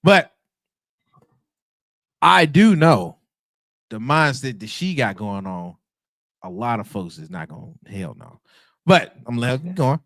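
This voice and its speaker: A man in his twenties giving casual, animated commentary on a livestream, slangy and quick to laugh. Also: medium pitch, no room sound, clean studio sound. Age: 20s. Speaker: livestream host.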